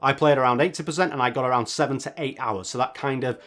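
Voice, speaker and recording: A man's voice: medium pitch, quick pace, a bit bright. A man presenting a product review in a casual, chatty narration with wry asides.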